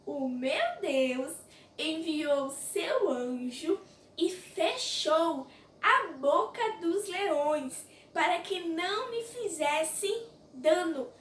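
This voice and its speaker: Daniel, a calm and faithful prophet voiced by a woman, speaks in a very high, lively voice. Each phrase is drawn out slowly and reverently. The room echoes, and the mic sits at a distance. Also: slight background noise, full character voice. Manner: slow, drawn-out solemn delivery. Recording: roomy echo, distant mic.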